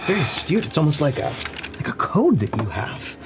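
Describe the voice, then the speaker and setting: Guy as polite clever adventurer, expressive pitch, tactful, tabletop rp w music behind. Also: fairly quick. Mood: polite, shrewd. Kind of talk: improvised tabletop role-play.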